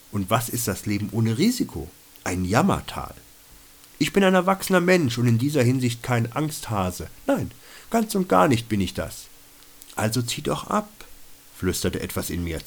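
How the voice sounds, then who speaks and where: A man reading his own travel diary aloud in a wry, mock-dramatic, self-mocking way. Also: medium pitch. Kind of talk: scripted first-person storytelling.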